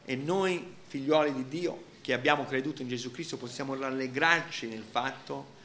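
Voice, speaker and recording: A man preaching a sermon, emphatic, swinging between loud exclamations and quiet, low asides. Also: moderate pace, slight background noise.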